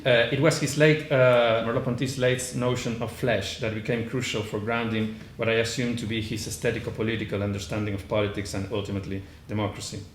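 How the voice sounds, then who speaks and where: Reading his paper from notes in a conference room, a man with a heavy Argentine accent speaks fairly quickly in a low, flat voice with few pauses, stumbling through many "uh"s and restarts. The recording sounds echoey, with faint noise behind him.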